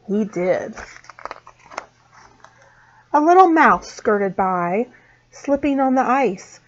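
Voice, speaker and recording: A preschool teacher reading a picture book aloud, expressive and unhurried. Her voice sits a little high and the recording is dull and lo-fi. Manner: expressive and slow. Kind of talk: storybook read-aloud for small children. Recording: dull lo-fi sound.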